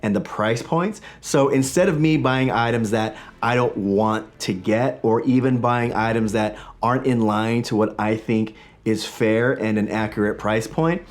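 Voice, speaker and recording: Recovering from an illness, a toy collecting channel host in his forties talks to his camera from a small home studio, his voice still slightly raspy. He's enthusiastic and friendly, with a plain mid-range pitch, speaking a little slowly in a lively casual flow with hardly any pauses.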